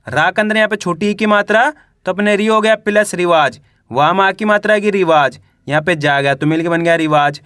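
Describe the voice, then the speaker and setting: A man's voice: high voice, fairly bright tone, dry recording, studio quality. A young man teaching a Hindi reading lesson, spelling out words syllable by syllable and quizzing the viewers.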